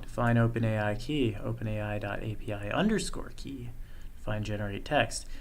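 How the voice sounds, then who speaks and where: Gravelly-voiced man walking through code. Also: lowish voice, moderate pace, slight background noise. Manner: thinks aloud, relaxed, with fillers. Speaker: coding tutorial presenter. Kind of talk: screen-share coding walkthrough.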